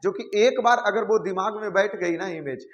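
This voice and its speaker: A man's voice: sits high, moderate pace, a bit bright, dull audio. A man teaching Hindi grammar in a classroom lesson, asking questions and answering them himself and calling the viewer "babu". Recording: long hall reverb.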